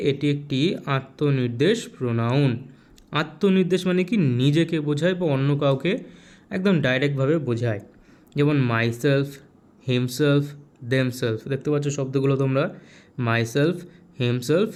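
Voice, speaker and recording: A man with a West Bengal Bengali accent teaching a grammar lesson, asking rhetorical questions and repeating key terms slowly. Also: fairly high pitch, darkish tone.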